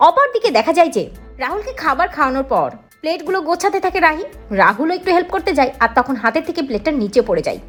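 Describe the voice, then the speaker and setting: A woman narrating a quick recap of a television serial episode. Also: high voice, soft background music. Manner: brisk, lively retelling.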